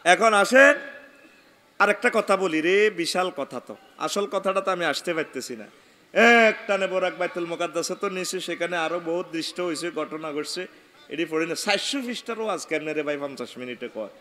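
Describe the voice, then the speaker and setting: A man preaching an Islamic sermon in a Bangladeshi Bengali dialect, telling a story with lively acted-out dialogue, sudden loud exclamations and sung passages. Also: a little high, brisk, slight background noise.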